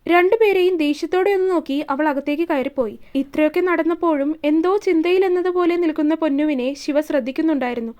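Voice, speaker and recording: A woman storyteller reads a romance serial aloud with steady expression. Her voice is high and light. The telling is even and unhurried.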